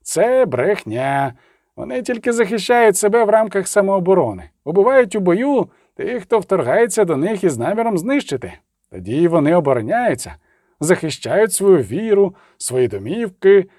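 Man voicing a rabble-rousing street preacher, declaiming, high and lively, dry sound. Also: no echo. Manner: declaiming, shouting to a crowd. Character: fiery middle-aged male street preacher, rabble-rousing.

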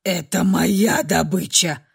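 A woman voicing a menacing, beastly man who is a furious rival buyer, speaking in a rough, growling voice, slow and forceful. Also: fairly low pitch, pitched below the performer's own voice, heavily acted.

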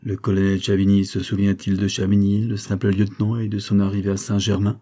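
A man's voice: lowish voice, monotone, a little fast, dark tone, lightly acted. A man voicing a grave, emotional old man who was long imprisoned. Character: old frail male former prisoner, grave.

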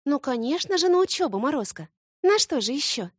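Woman voicing a bold young heroine, teasing, mocking, high-pitched, swooping intonation. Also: sing-song, fairly quick, no echo, studio quality.

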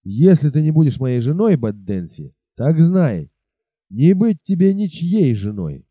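A man voicing a jealous, threatening village woodsman in an audiobook, low and forceful. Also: very animated, a little slow, no echo, highs cut off. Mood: menacing. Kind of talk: audiobook character voice.

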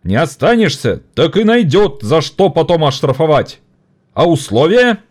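A man's voice: on the high side, very animated, moderate pace, darkish tone, voice pushed up. A man voicing a fiery orator rousing striking workers in an audiobook. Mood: indignant. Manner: rousing, indignant speech.

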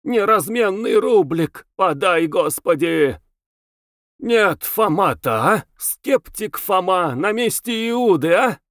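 A man doing a shrill, frenzied excitable man. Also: slow pace, few pauses, no echo, clean studio sound, full character voice. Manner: shrieking, exclaiming.

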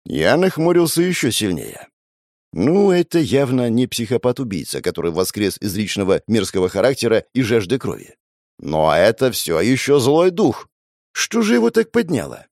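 A man's voice: medium pitch, normal speed, no echo. A man narrating a first-person audiobook in a sardonic, crude manner, recorded on a close mic. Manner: sardonic and crude, wildly expressive.

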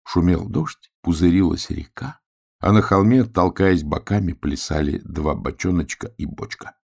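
A man's voice: low-pitched, normal speed, gravelly, a little mellow, husky. A man reading a children's storybook aloud, narrating expressively.

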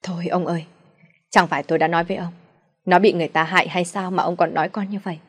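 A woman's voice: lowish voice, little pitch movement, fast talker, husky. Woman playing a defiant mother. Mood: pleading. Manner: pleading then shouting back. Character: long-suffering middle-aged mother, defiant.

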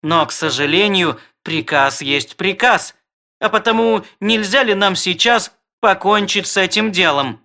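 A man voicing a fussy male wedding robot with a creaky, metallic, barking voice, pedantic and long-winded, in an audiobook. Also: sits high, unhurried, sharp tone, voice pushed up, exaggerated voice. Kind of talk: audiobook character voice.

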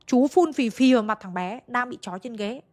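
A woman's voice: a little high, lively intonation, brisk, a little mellow, faint music behind. A woman narrating a ghost story in a chatty way, speaking straight to her listeners. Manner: chatty, addresses listeners directly.

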